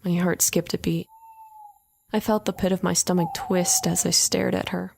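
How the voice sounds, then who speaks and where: Low gravelly woman narrator. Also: normal speed, a little hiss or hum. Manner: expressive first-person reading. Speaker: story narrator. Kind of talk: horror story reading.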